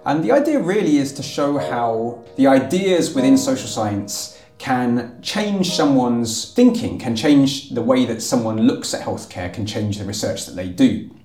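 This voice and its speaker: A man's voice: mid-range voice, sing-song, measured pace, warm tone. Man, podcast host, conversational, echoey room, faint music behind. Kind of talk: podcast interview.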